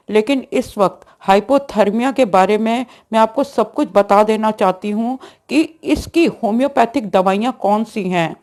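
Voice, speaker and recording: A woman homeopathic doctor gives a health lesson, explaining deliberately and mixing in English medical terms. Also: a little high, darkish tone.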